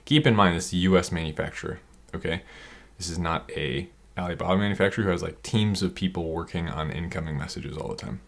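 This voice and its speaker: A man with an energetic, rambling manner, coaching online sellers through a screen-share tutorial. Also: deep voice, fast talker. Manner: energetic, rambling, self-interrupting.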